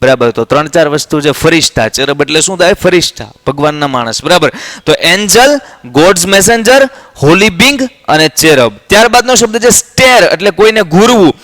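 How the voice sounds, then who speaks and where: A young man with a Gujarati accent teaches a vocabulary lesson. His voice sits high for a man, and the sound is dry and close. He says each word slowly and keeps asking students whether they will remember it. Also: animated, fairly bright tone, no room sound. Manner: drills words slowly, asks students to repeat. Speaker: English tutor. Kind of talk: vocabulary lesson for exam prep.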